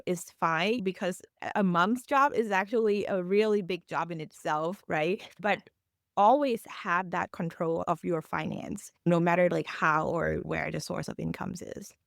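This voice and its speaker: A woman's voice: lowish voice, dry recording, clean studio sound. A woman, explaining earnestly as a financial coach in a podcast interview, with phrasing. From Thailand.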